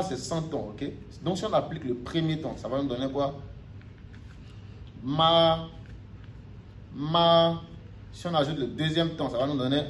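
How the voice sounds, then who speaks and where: A man's voice: medium pitch, far from the mic. A man giving a casual video lesson as a Mandarin teacher, chatty and checking in with "ok?" after nearly every point. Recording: faint background noise, a bit off-mic.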